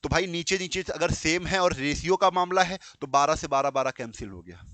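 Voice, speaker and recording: A man's voice: a little high, animated, a little fast, bright, forceful tone, no echo. A male teacher giving an exam-prep lesson, asking the students questions and answering them himself, repeating the key terms and calling them bachche and beta. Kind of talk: classroom lecture.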